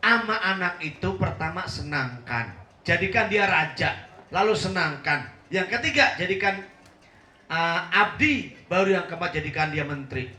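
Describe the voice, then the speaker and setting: Jokey high-voiced preacher in an echoey hall. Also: male voice, expressive, normal speed, pushed and bright. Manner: jokey, teasing the audience, laughing often. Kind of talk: humorous sermon to a live congregation. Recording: echoey room with faint hum.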